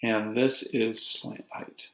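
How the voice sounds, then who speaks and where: A man teaching a geometry lesson to his students in a relaxed, joking way, talking as he draws. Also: fairly low pitch, takes it slowly. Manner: relaxed, joking, talks while drawing on a board. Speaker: math teacher. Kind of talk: recorded math lesson. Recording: echoey room.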